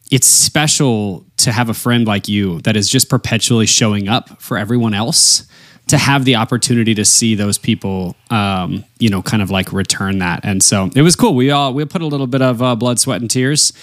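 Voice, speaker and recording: A man hosting a casual podcast in a folksy way, often pausing to think aloud as he talks to listeners. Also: lowish voice, dry recording, clean studio sound. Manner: folksy, addresses listeners as y'all. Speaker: podcast host; wedding and portrait photographer.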